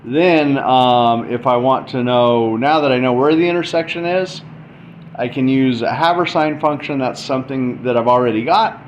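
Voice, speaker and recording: Using a mid-range voice at a moderate pace, a man demonstrates math in an informal explainer, musing aloud in short, broken phrases. Faint background noise comes through the dull, lo-fi mic.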